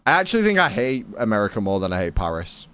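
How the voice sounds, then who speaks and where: Blunt, rambling British man, low voice. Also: big pitch swings, fast, a bit bright, clean tone. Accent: British English. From Britain. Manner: rambling, blunt, swears freely. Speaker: game streamer. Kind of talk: casual chat with live viewers.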